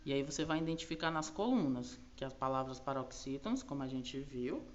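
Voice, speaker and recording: Patient low-voiced teacher, lo-fi sound. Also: female voice, expressive. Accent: Brazilian Portuguese. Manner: patient, slow over key words, frequent tag questions. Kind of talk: recorded class explanation. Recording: dull lo-fi recording.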